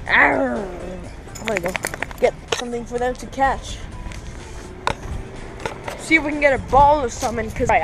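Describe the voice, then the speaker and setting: A woman vlogging casually, excitable and profane, often repeating her phrases. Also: high-pitched, poor audio. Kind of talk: casual handheld vlog. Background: music playing.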